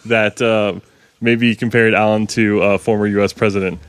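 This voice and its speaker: A man with a lowish voice co-hosts a casual programming podcast, stopping often on filler sounds as he goes. The recording is dry and close. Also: flat delivery, clean tone, dry recording. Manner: hesitant, many filler pauses. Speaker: podcast co-host. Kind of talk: casual tech podcast chat.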